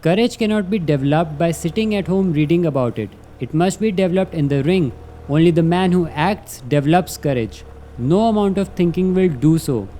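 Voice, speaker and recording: A man with a fairly high yet soft, mellow voice delivers a scripted motivational monologue. He is earnest and instructive, speaking in measured statements. Faint vehicle noise runs behind him. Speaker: vlogger.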